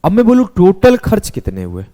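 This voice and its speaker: A man's voice: high-pitched, wildly swooping pitch, a little fast, dark tone. A male math teacher explaining a lesson step by step, talking students through sums and spelling words out letter by letter.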